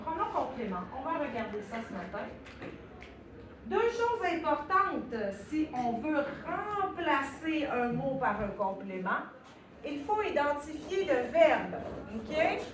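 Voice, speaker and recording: High-voiced woman teaching from across a classroom. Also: very animated, slow pace. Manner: patient, repeats and spells out words, laughs at herself. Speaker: French teacher. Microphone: far recorder in the room. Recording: echoey classroom picked up from far off with background noise.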